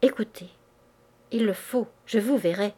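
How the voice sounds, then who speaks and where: A woman's voice: medium pitch, a little slow, dark tone, breathy edge. A woman reading aloud, voicing an ardent young man who urgently presses a married woman to see him. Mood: pleading. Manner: urgent, insistent pleading.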